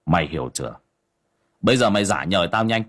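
A man's voice: sits low, lively intonation, quick pace, fairly bright tone, breathy edge, exaggerated voice. A man voicing a short-tempered young exorcist who barks threats. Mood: menacing. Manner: barking, cursing threats.

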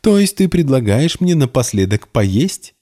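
A man voicing a spoiled, scheming young woman who talks in a shrill, shrieking way. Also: sing-song, normal speed, mellow. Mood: shrill anger. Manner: shrill, shrieking, mock-hurt.

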